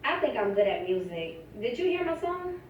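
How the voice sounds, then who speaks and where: A woman from Haiti, guest in a casual interview, relaxed and playful, laughing often. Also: on the high side, normal speed, slight background noise. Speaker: interview guest, musician and model. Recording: echoey room from far off, dull lo-fi sound.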